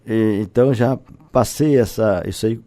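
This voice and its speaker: A man delivering a Portuguese translation of a sermon, telling a story in a halting way with frequent restarts. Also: lowish voice, mellow, no room sound. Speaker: preacher.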